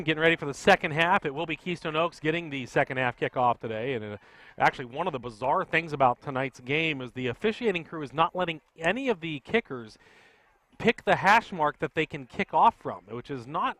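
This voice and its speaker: A man calling a high school football game as play-by-play announcer, excitable and quick to react. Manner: excitable, talks fast, rises sharply on big plays.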